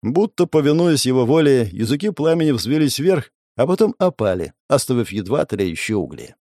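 Male audiobook narrator, first person, lively intonation, dry close sound. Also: medium pitch, normal speed, no room sound. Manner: expressive, varied intonation.

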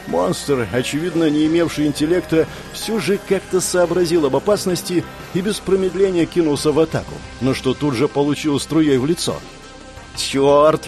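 A man's voice: fairly high pitch, darkish tone. A man narrating a first-person fantasy story in a tense, dramatic reading style. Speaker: audiobook narrator.

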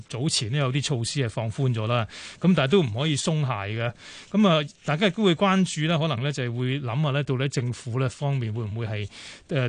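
A man with a Hong Kong Cantonese accent hosting a radio phone-in show, brisk and full of fillers. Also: medium pitch, no room sound. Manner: brisk, many fillers and pauses. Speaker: radio talk show host.

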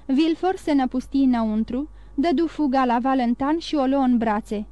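High-voiced woman reading an audiobook. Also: dark tone, no room sound. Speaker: audiobook narrator. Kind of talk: audiobook narration.

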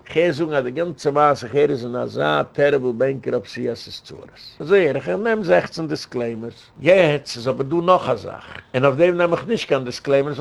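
A man's voice: mid-range voice, vocal fry. A man, a rabbi, giving a rambling lecture full of anecdotes and quoted Talmud passages, drifting between languages. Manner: digressive storyteller, switches between languages.

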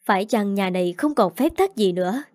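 A woman's voice: medium pitch, expressive, a little fast, a little mellow, no echo, studio quality, lightly acted. A woman playing a haughty mother-in-law. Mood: indignant.

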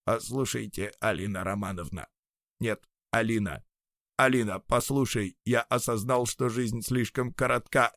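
A male storyteller voices a man whose body has become a robot. His voice comes out metallic and muffled, slow and pleading. The recording is dry and close. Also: lowish voice, vocal fry, fairly bright tone, no room sound. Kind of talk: audiobook narration with acted dialogue.

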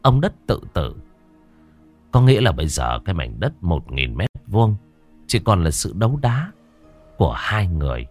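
Dramatic low-voiced storyteller man. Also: very animated, moderate pace, long pauses, darkish tone, soft background music. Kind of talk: scripted horror narration.

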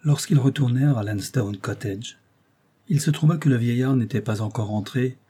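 A man narrating a novel as an audiobook in a measured, steady reading. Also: medium pitch, husky. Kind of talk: scripted narration.

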